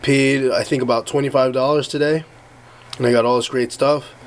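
A man's voice: medium pitch, moderate pace, poor audio. Rambling man showing off flea market finds. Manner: relaxed, rambling, many fillers and self-corrections. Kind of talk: casual haul vlog.

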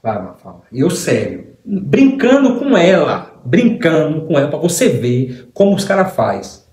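A man's voice: medium pitch, normal speed. A man with a Brazilian accent telling a story in casual, slangy talk and acting out what others said. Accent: Brazilian Portuguese. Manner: animated and slangy, often acting out quotes. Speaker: commentator exposing a preacher. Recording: roomy echo.

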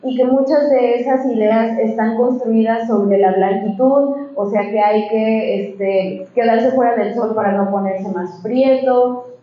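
A woman presenting her book in a large hall, explaining her ideas in a measured, engaged way. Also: on the high side, steady tone, slight background noise. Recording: echoey hall, muffled sound.

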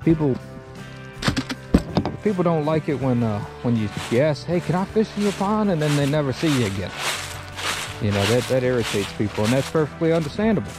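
A fishing vlogger chats casually outdoors by a pond and river bank, filming on a chest-mounted action camera. His voice is on the high side and fairly quick, with long pauses, a relaxed drawl, and a chatty style that includes "y'all." Loud music plays over him, and the recording is rough.

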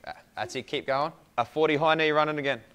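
Higher-voiced Australian man coaching a workout. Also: fairly even intonation, quick pace, fairly bright tone, smooth. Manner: encouraging, calling out short instructions and praise. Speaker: fitness coach. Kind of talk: coaching a workout for viewers at home. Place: indoor room with hard floor and whiteboard.

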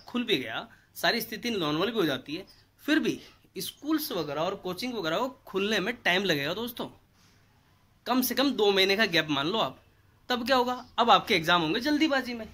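Man in his 30s at a whiteboard, lively teacher voice, keeps asking then answering, camera mic a few feet off. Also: high-pitched. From India. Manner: animated, asks rhetorical questions and answers them. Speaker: physics teacher. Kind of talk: whiteboard lesson. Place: indoors at a whiteboard.

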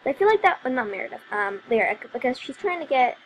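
A woman's voice: sits high, big pitch swings, fast, slight background noise, low-quality recording. A woman giving rambling, apologetic commentary on her gameplay, her voice worn out from talking all day. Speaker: let's play commentator.

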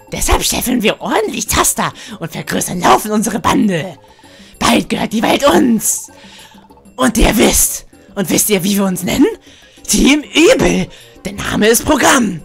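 A woman's voice: mid-range voice, gravelly, husky, exaggerated voice. A woman voicing a scheming monster gang leader from a video game, in a mock-evil, sneering, boastful manner. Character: scheming villain monster, gang leader plotting world domination.

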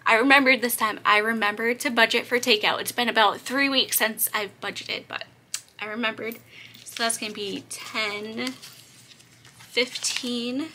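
A woman's voice: fairly high pitch, fairly even intonation, a little slow, pushed and bright. A young woman with a slightly cracking voice chats casually as she counts cash aloud for a budgeting vlog. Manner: chatty, counts bills aloud, light laughs. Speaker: budgeting vlogger.

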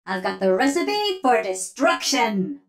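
A woman with a fairly high, sing-song voice speaks at a measured pace, voicing a feisty, sassy robot oven mom who bakes and fights. She delivers theatrical, punning one-liners as video game character lines, sounding gleefully menacing.

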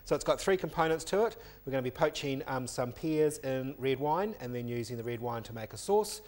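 A man's voice: mid-range voice, a little fast. A middle-aged man, a chef demonstrating a recipe in a teaching kitchen, explaining each step steadily as he works, with the odd "um". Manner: steady step-by-step explaining while working, with filler ums. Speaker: chef and cooking instructor. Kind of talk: cooking demonstration.

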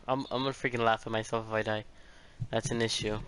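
A man's voice: lowish voice, level tone, fast, heavy background noise. A man giving casual, exclamatory gameplay commentary as a streamer, chatting and reacting to what happens. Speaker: video game streamer. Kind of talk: casual gameplay commentary with dialogue read aloud.

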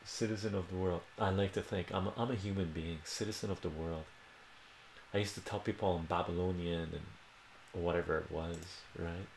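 In a small home room lined with bookshelves, a middle-aged man from Iran streams a casual math lesson at a whiteboard, his deep, gravelly voice moving at a moderate pace. He's chatty, repeats phrases, and checks in with "right?" after each step. A webcam mic catches the room's echo and a faint hum beneath him.

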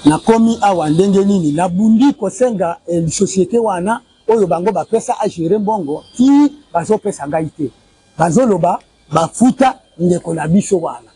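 The audio is rough, though without room sound, capturing a high-pitched, dark, husky voice at a moderate pace. It belongs to a Congolese man in his forties recounting a family money dispute on a lapel mic in an outdoor courtyard by a building. Insistent, he repeats dates and figures and brandishes documents.

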